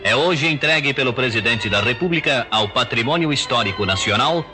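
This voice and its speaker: A man's voice: mid-range voice, animated, moderate pace, pushed and bright. A man reading solemn, formal narration for an old newsreel. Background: music.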